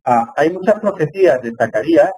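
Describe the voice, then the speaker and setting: A man's voice: on the high side, expressive, brisk, a little mellow, rough recording. A man attending an online Hebrew seminar, asking long winding questions and thinking aloud, on a computer mic. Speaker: seminar participant.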